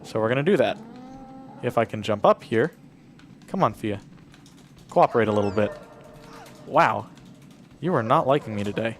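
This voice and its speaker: During a charity marathon, this man commentates his live speedrun in a relaxed way, laying out his route and chatting to the characters on screen to urge them on. He speaks at a moderate pace with a lowish, lively voice and long pauses, and there's a slight hiss or hum on the recording.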